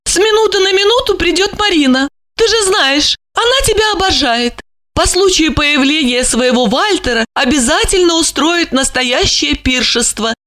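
A woman's voice: high-pitched, expressive, normal speed, a bit bright, voice pushed up. A woman voicing a rich widowed woman who is theatrical and self-pitying, talking in an affected way with sighs and exclamations. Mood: mannered.

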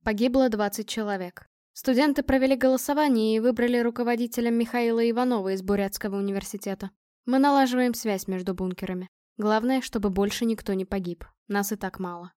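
A stern woman leader reads out a report in a dry, businesslike tone, as a narrator puts her on in her own voice. It is an audiobook read with a slightly high voice and a dry, close sound. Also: quick pace, warm tone, no room sound, close to an everyday voice.

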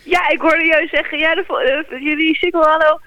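A woman's voice: high voice, fairly even intonation, brisk, no echo. A woman from The Hague, a band musician, chatting enthusiastically as a guest in a casual radio interview, often restarting her sentences. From The Hague, Netherlands. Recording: slightly dull lo-fi radio sound.

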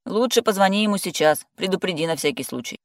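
A reader voicing a calm male friend who teases and talks matter-of-factly. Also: high-pitched, fast talker, no echo, clean studio sound, voice pushed up. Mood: teasing. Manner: teasing, matter-of-fact. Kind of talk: audiobook character voice.

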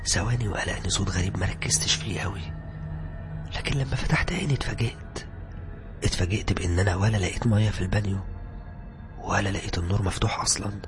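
Fast, low-voiced Egyptian man telling horror. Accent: Egyptian Arabic. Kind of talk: horror story narration. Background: music.

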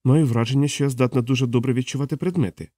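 A man's voice: mid-range voice, rapid-fire, warm tone, dry recording, clean studio sound, natural voice. A man reading an audiobook, voicing a fragile, frightened woman crew member who is mutating. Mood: uneasy. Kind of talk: audiobook character voice.

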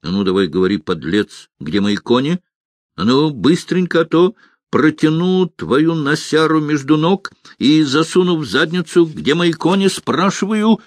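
A man's voice: medium pitch, very animated, a little slow, dry recording, clean studio sound. A man voicing a stout, greedy male halfling merchant who talks in a coarse, blustering way.

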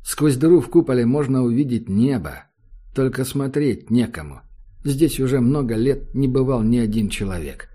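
Male audiobook narrator, measured and ominous, mellow dark timbre, even pace. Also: mid-range voice, husky. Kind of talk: scripted narration.

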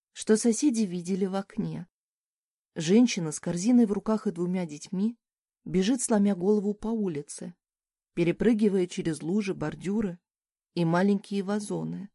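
A woman narrating a first-person audiobook in a lively, expressive reading. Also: mid-range voice, moderate pace, dry recording, studio quality.

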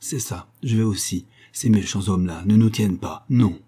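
A man voicing an old, loyal male creole boatman who talks in an urgent, excited way. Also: fairly low pitch, normal speed, husky.

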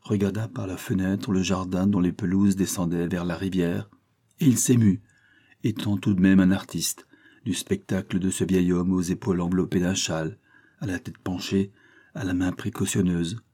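A man reading a literary story aloud in a measured, even storytelling manner. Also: low voice. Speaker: audiobook narrator. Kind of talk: literary audiobook narration.

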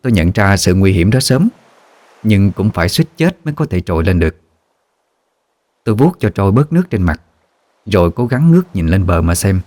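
A man narrating a ghost story in a measured storytelling voice. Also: deep voice, big pitch swings, darkish tone, no room sound.

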